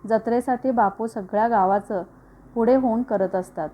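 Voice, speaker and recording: A woman narrating a village suspense story in a steady, even storytelling voice. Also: a little high, normal speed, lo-fi sound.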